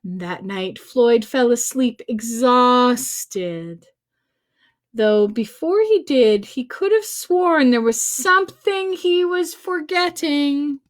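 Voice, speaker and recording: In a livestreamed read-aloud, a storyteller with a high, slow, lively-intoned voice shares a picture book with children. She exclaims playfully, stresses moments dramatically and makes asides to young viewers.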